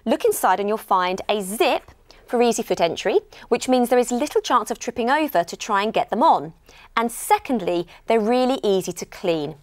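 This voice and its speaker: A middle-aged British woman gives a scripted shopping channel demonstration. Her voice sits a little high and moves with very lively intonation. She sounds enthusiastic and explanatory. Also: normal speed, dry recording. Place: TV studio lounge set.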